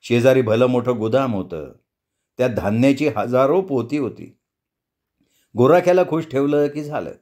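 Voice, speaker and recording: Male audiobook storyteller, middle pitch, measured expressive narration.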